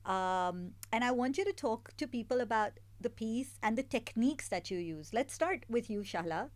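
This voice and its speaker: An upbeat woman hosts a podcast with casual, chatty warmth. She laughs easily with her guests. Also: a little high, animated, moderate pace. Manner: warm, upbeat, laughs often. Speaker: podcast host. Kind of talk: casual interview chat.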